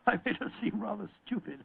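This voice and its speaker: Doctor Watson, high-pitched, creaky, British and blustery. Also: male voice, animated, brisk, very noisy, exaggerated voice. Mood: flustered, smug. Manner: blustery, hesitant, genial. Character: earnest, fussy, loyal married doctor, detective's old friend. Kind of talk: old-time radio drama acting. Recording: narrow, phone-like old radio recording.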